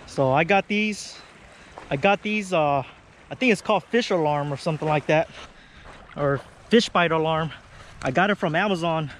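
A man in his thirties talking casually to an action camera on a lakeshore, explaining his fishing between bursts of excitement. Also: fairly high pitch, normal speed, slight background noise. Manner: relaxed, chatty, breaks into excited exclamations. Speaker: fishing vlogger. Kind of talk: casual outdoor vlog narration. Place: lakeshore outdoors. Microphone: action camera on body.

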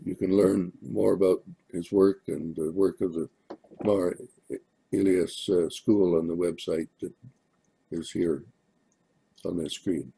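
An older man speaks in a very low, gravelly, husky voice with a dark tone. He delivers church announcements hesitantly, filling his pauses often. He sounds like a minister addressing his congregation. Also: steady tone. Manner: hesitant, many fillers. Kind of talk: sermon announcements.

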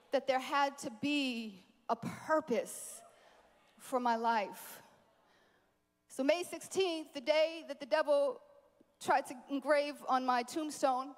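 A woman preaching a sermon at a conference, animated, with playful asides to the crowd. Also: high voice, in a large hall. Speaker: conference speaker. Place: large conference hall.

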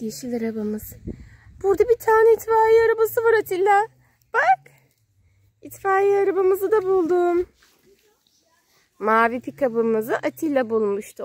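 With a very high-pitched voice and no room sound, a woman from a kids' channel plays with her little one at a sand and gravel pile outside. She narrates the toy play playfully, in simple, repeated sing-song phrases and questions.

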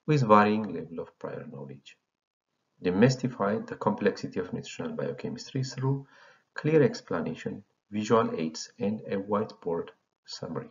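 An Ethiopian man in his thirties, who founded an educational channel, reads from a slide presentation in a formal, lecturing tone. His voice is fairly low with vocal fry, captured on a dull lo-fi recording.

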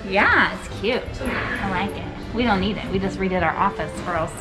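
A woman's voice: medium pitch, normal speed. A woman shopping in an antique mall, cheerfully chatting about cute things she likes. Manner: cheerful, gushing over cute finds. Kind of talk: casual chat. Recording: loud music over the voice. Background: loud background music.

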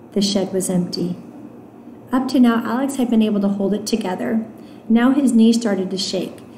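A woman teacher reading a novel aloud to her students, stopping for gentle explanatory asides with fillers. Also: mid-range voice, slight background noise. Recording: roomy echo.

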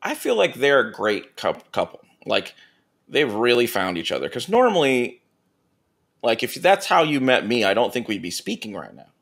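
A man co-hosting a comedy podcast, reading erotica aloud with deadpan asides and casual chat. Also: mid-range voice, moderate pace, creaky, breathy edge. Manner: deadpan asides between read passages. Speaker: podcast co-host reading stories.

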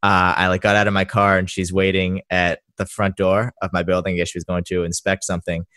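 A man from Boston hosts a casual podcast chat in an easygoing, laid-back way. His voice is deep and low, recorded dry and close on the mic. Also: fairly quick, smooth, no room sound. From Boston, Massachusetts. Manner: laid-back, relaxed interviewer. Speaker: podcast host.

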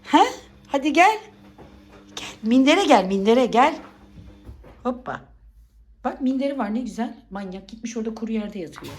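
A woman's voice: a little high, expressive, normal speed, pauses often, slight background noise. A woman vlogging at home, coaxing and teasing her pet cat and scolding it playfully in casual pet talk.

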